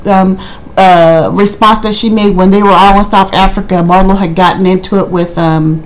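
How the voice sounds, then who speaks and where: Her voice is medium-pitched with fairly even intonation and a normal speed as she rambles conversationally through a reality TV recap, acting out quotes for viewers along the way. The recording sounds rough.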